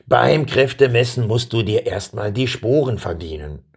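A man's voice: medium pitch, lively intonation, gravelly, slightly rough. A man putting on a pompous, hesitant old king. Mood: solemn. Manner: halting, ceremonious speeches full of pauses.

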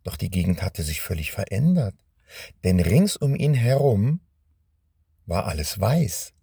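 A man reading a children's story aloud in a calm, expressive way. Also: fairly low pitch, a little slow, gravelly, breathy edge, dry recording, studio quality.

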